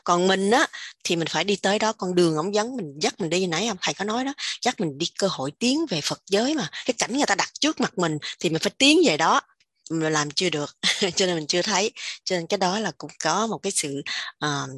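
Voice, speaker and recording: A woman's voice: fairly low pitch, expressive, a little fast, fairly bright tone, slightly rough, no echo. A woman telling stories in a chatty way, often laughing. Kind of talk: religious discussion.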